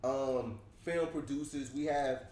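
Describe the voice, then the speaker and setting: A man co-hosting a casual barbershop discussion, talking in an animated way and climbing higher when he presses a point. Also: takes it slowly. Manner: animated, rising pitch when stressing points. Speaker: podcast co-host. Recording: echoey room.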